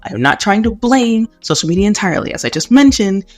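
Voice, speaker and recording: A man with a fairly high voice talks casually to viewers as a video host, with informal asides. He is recorded through headphones used as a microphone in a bathroom. Faint music sits behind him. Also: big pitch swings, quick pace.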